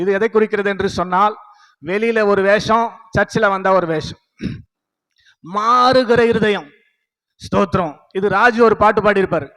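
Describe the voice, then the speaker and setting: A man's voice: sits high, fairly bright tone. Male pastor, scolding sermon delivery, long church reverb. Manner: repeats "praise the Lord" and calls the congregation to say hallelujah; scolding, preachy, asks the congregation rhetorical questions.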